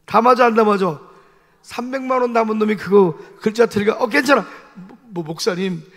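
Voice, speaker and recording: A male pastor preaching a sermon, telling a personal story in an animated, emphatic way with lots of repeated fillers. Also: sits high, a little fast, in a large hall. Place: church sanctuary.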